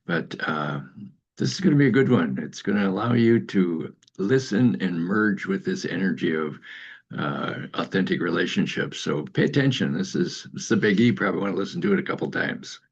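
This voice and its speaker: A man's voice: sits low, lively intonation, fairly quick, breathy edge, highs cut off. A man co-hosting with a casual, informal introduction in a conversational way. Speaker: co-host, numerologist.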